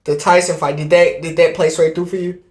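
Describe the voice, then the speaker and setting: A man's voice: a little high, flat delivery, a little mellow. A man co-hosting a podcast, joking and repeating himself in casual chat. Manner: quick, joking, repetitive. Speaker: podcast co-host. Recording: echoey room.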